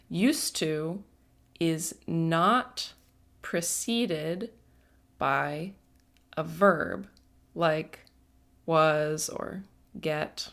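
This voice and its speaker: A woman teaching an English grammar lesson, speaking patiently and deliberately and stressing each word. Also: lowish voice, a bit bright. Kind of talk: slow, careful grammar lesson.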